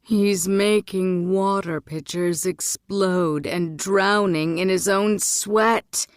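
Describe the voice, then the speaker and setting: A blunt young prince who presses his case with urgent insistence, as a woman reader puts him on. He is voiced in a low register, and the sound is dry and close. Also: slow pace, a little mellow, no echo. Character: young adult prince, worried elder brother, blunt.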